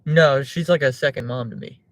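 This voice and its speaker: Woman passenger, dry teasing sidekick in casual car banter, very low voice. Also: brisk, no room sound. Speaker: passenger and co-host.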